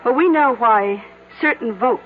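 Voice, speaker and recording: In a 1970s radio drama, an actress with a slightly high, natural, unhurried voice plays a bold, sly small-town American woman who politely and coolly accuses someone. The recording sounds like old, tinny, narrow-band radio with faint music.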